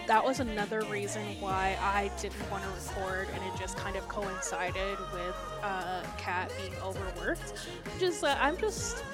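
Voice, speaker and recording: A woman hosting a podcast in a casual, chatty style. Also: medium pitch. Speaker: podcast host. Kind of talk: casual chat.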